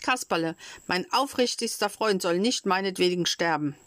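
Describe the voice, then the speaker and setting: A woman doing Pinocchio, high and pleading. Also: normal speed, a bit bright, no room sound, close to an everyday voice. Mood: proud. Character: wooden puppet boy, small, pleading and proud.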